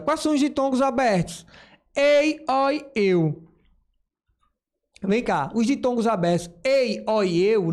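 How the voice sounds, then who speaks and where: A man's voice: sits high, darkish tone. A male teacher giving a grammar lesson, explaining step by step and voicing imagined student questions.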